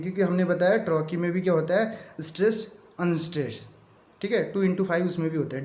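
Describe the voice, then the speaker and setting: A high-pitched Indian man teaching English literature for exam prep. He works through quiz items step by step, asking questions and answering them himself. The sound is roomy and echoing. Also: darkish tone. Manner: reads English quiz items slowly, mixing English terms into Hindi.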